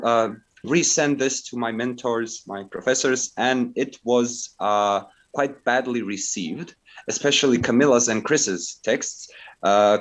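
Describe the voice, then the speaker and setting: Man, slow, halting, many fillers, formal seminar question. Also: medium pitch, low-quality recording. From Croatia. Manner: halting, many uhs and ums. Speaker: audience member asking a question.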